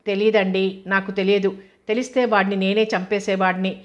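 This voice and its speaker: A guilt-ridden middle-aged man pours out a pleading confession in a storybook reading, as a woman narrator takes his part. The delivery stays level, with little rise or fall, in a mid-pitched voice. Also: level tone, fairly quick, highs cut off, close to an everyday voice. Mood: remorseful. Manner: pleading, self-accusing. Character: remorseful middle-aged male pimp confessing.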